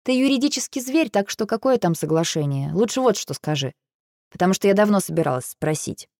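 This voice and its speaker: A woman reading a first-person audiobook, lively and exasperated in her delivery. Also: medium pitch, fairly quick, no echo, clean studio sound. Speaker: audiobook narrator.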